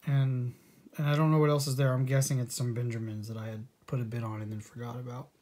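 A man of middle pitch chats casually into a camera in a room at home. His talk is relaxed and rambling, and he trails off and restarts as he thinks aloud. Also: fast. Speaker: coin-collecting vlogger, co-host with his wife. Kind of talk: casual chat.

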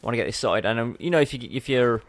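A man's voice: mid-range voice, expressive, quick pace. A young man giving casual gameplay commentary as a let's play host, chatty and rambling, often correcting himself mid-sentence.

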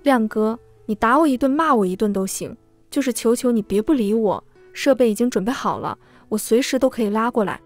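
A woman's voice: fairly high pitch, animated, a little fast, faint music behind, natural voice. A woman voicing a desperate man who keeps begging forgiveness in a read-aloud story, in a plain self-abasing manner. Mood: pleading. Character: pleading, groveling man who wronged the narrator.

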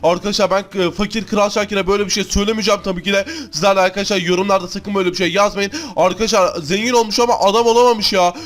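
A man hosting a gaming channel, commentating a Minecraft role-play with rapid chatter and constantly addressing viewers as friends. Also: high voice, fairly even intonation.

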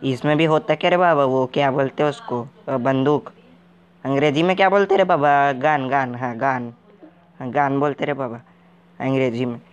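Mid-range and steady with a clear, resonant tone, a man's lightly acted voice sits on a dull recording. He plays a bumbling, uneducated wanderer in a gaming video who is baffled, jittery, excitable and clueless. In comic in-character commentary he stays jumpy and naive, drawing out "re baba" after almost every line.

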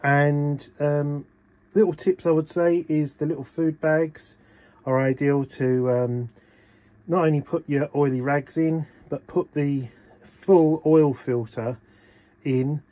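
A man with a fairly high, mellow voice and fairly even intonation speaks slowly as he explains an oil change on his boat's engine. Holding a phone in one hand in a small cabin, he gives practical, chatty guidance with plenty of ums.

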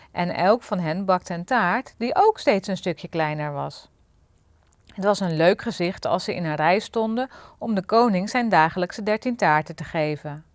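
A woman's voice: mid-range voice, no room sound. Woman reading a fairy tale aloud. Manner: clear, lively storybook narration. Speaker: storyteller.

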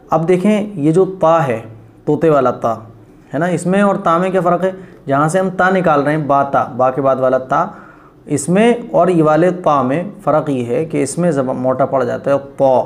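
A man teaching Quran pronunciation, patiently stretching out letter sounds and often asking whether it is clear. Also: fairly high pitch. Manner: slow, drawn-out demonstration of letter sounds; patient, repeats each sound and asks if it is clear. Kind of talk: pronunciation lesson.

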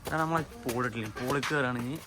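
A man's voice: mid-range voice, fast, background noise. A man with a northern Kerala Malabar Malayalam accent, chatting casually and teasingly as he hosts a vlog. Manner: playful, teasing, chatty with companions and children. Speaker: vlogger showing guests around a resort.

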